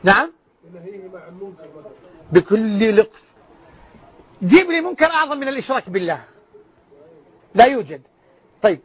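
A loud-voiced man teaching a religious lesson as a sheikh, quizzing his listeners with rhetorical questions. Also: high voice, sing-song, moderate pace, long pauses, breathy edge. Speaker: sheikh teaching a hadith class. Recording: dull lo-fi lecture recording.

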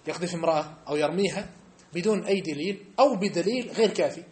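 A man giving a mosque study-circle lesson, animated and emphatic, often checking that his listeners understand. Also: high voice, quick pace. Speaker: religious teacher. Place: mosque hall.

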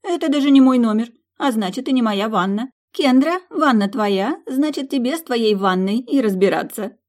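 A woman voicing Suzy, a tipsy young woman friend who teases sarcastically in a high voice. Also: animated, moderate pace, darkish tone, no room sound, studio quality, lightly acted. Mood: mocking.

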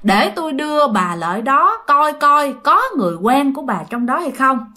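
A mysterious phantom carriage driver from a told ghost story, played by a woman narrator. He speaks calmly and plainly in a high, bright, lively voice. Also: moderate pace. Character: mysterious male carriage driver, spirit guide.

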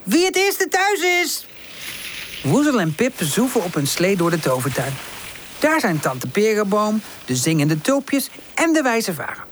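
A woman narrating a children's storybook in a calm, gentle reading voice. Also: fairly low pitch, moderate pace, slight background noise. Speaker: audiobook narrator.

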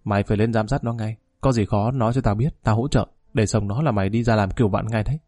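A man's voice: lowish voice, fast talker, warm tone, dry recording, clean studio sound, soft background music, lightly acted. A man voicing a shrewd, bullying middle-aged male security chief who talks bluntly and gives orders. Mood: gruff.

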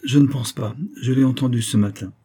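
A man reading an audiobook, voicing a rough, curt old woman servant in a terse, cold way. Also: mid-range voice, steady tone, a little fast, mellow.

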